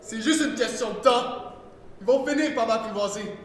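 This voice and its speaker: Un élève à l'joue un jeune homme ébranlé qui raconte avec hésitation une mort qu'il a vue. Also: male voice, very high voice, recorded from a distance. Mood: shaken. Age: teens. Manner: slow, halting confession. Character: shaken young man, haunted by a death. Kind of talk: school stage play. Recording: echoey hall, faint noise.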